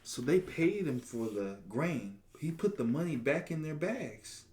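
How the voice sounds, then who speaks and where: A man hosting a podcast, retelling a Bible story in a casual, slangy, animated way. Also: a little high, measured pace. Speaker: podcast host.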